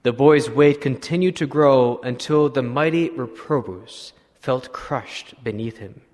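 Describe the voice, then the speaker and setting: A man, a priest, telling a saint's story in a slow, measured sermon. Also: mid-range voice, darkish tone. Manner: slow, measured retelling with clearing of throat. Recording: long hall reverb.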